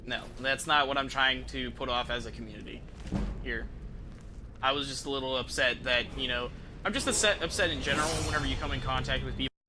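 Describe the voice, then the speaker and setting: A man with a mid-range voice talks a little fast as he streams a video game, offering viewers casual, slangy, profane commentary. Background noise is audible.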